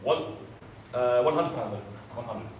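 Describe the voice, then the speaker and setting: Auctioneer calling bids in echoey room. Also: male voice, mid-range voice, moderate pace. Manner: repetitive chanting of prices and increments. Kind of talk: live auction bid-calling. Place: auction sale room, indoors. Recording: echoey room, distant mic, background noise.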